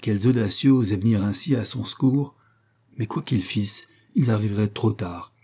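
A man giving a measured, dramatic scripted narration of an adventure audiobook. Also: on the low side, mellow, breathy edge.

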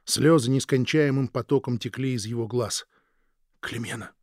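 Male audiobook narrator, measured dramatic reading, dry booth sound. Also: medium pitch, darkish tone, dry recording. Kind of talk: scripted narration.

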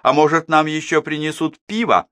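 A man's voice: on the high side, normal speed, fairly bright tone, dry recording, clean studio sound, voice pushed up, close to an everyday voice. A man voicing a sarcastic woman who mocks her relatives at a family dinner. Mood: mocking. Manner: needling, sarcastic.

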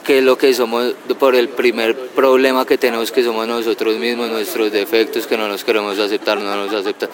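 Punk dude, rough slang, middle-pitched voice, loud crowd outside. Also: male voice, flat delivery, brisk, hardly any pauses, low-quality recording. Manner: rough slangy talk, mocking put-on voices. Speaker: punk band member. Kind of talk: casual interview answers. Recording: loud crowd noise outdoors.

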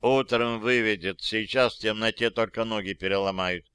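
The ghost of a dead comrade, voiced by a man, speaks quietly and reassuringly as he keeps watch. The tone is bright and smooth. The recording is dry. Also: on the low side, steady tone, moderate pace, dry recording, natural voice. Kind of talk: audiobook character voice.

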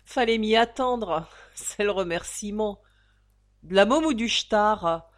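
A woman's voice: mid-range voice, measured pace, darkish tone, slightly rough. Woman reading as a jealous grumbling working-class woman. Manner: grumbling and pleading, slangy.

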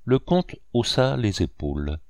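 Male audiobook narrator, measured storytelling, dry close sound. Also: mid-range voice, big pitch swings, darkish tone, dry recording. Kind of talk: scripted narration.

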